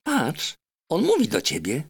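A man voicing a shrill, proud, know-it-all female parrot in a storybook reading. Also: wildly swooping pitch, unhurried, creaky, breathy edge, exaggerated voice. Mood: instructive. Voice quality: shrill, squawky. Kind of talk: audiobook character voice.

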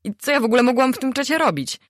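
Kobieta czytająca ekspresyjnie audiobook. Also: female voice, high-pitched, animated, very fast, no room sound, clean studio sound. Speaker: audiobook reader. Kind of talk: first-person audiobook narration.

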